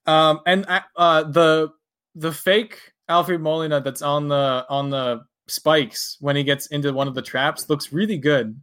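A man's voice: a little high, fairly even intonation, a little slow, a bit bright, smooth. Chatty man laughing through a film chat. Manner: chatty, laughs often, many fillers. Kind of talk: casual film discussion.

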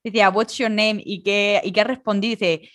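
A woman speaks at a middle pitch in a relaxed chat. She retells a joke and laughs along with it. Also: normal speed, no room sound, studio quality. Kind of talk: casual chat.

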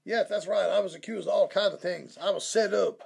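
Gravelly fugitive preacher on speakerphone, as a performer puts him on. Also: mid-range voice, steady tone, brisk, a little mellow, voice pushed up. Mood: smug. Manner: stammering, smug, patronizing. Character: sleazy, evasive fugitive male preacher. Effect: heard over a speakerphone. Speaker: caller. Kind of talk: comedy sketch.

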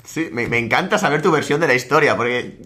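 This is a young man chatting as a podcast co-host. His voice is bright and forceful, with a pitch that swings widely. He talks fast and laughs a lot between his stories. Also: lively intonation. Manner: laughs often, quick chatty storytelling. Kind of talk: casual chat.

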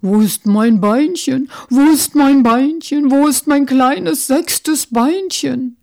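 A woman voicing a grieving old male May beetle ancestor in a storybook, wailing in drawn-out laments. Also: sits high, creaky, a little mellow, pitched above the performer's own voice, full character voice.

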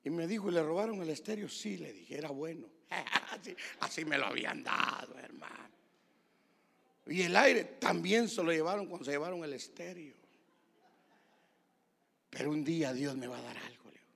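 Male pastor, high and gravelly, swings between whispered and shouted sermon lines. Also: expressive, moderate pace, pauses often, big-room sound. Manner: swings from hushed whispers to loud shouting, calls listeners "hermano".

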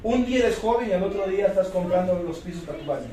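A man with a Peruvian accent giving an energetic motivational sales talk, firing rhetorical questions and repeating key words. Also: sits high, fast, crowd noise. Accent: Peruvian Spanish. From Peru. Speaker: business presenter. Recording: echoey room, distant mic.

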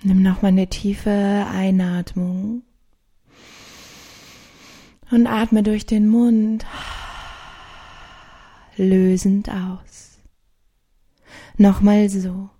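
Soft breathy lady doing sleep meditation narration, super mellow, half whispered, really slow w long pauses. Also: mid-range voice, level tone. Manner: soothing, hushed, partly whispered delivery with long pauses.

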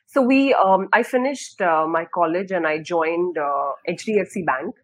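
On a podcast, a woman in her thirties from Dubai talks about her career in a casual interview. Her fairly low voice is relaxed and reflective, with small pauses, many fillers and restarts, showing a thoughtful manner. The recording is dry and close, with no echo or room sound.

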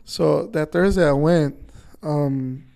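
Gravelly man telling a story. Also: on the high side, slow, mellow. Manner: swears freely and acts out quoted dialogue. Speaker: podcast guest, truck driver. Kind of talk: casual storytelling.

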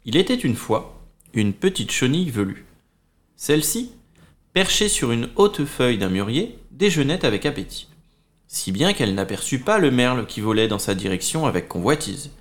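A man co-hosting a children's show, narrating a story in an expressive, melodic way. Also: mid-range voice, moderate pace.

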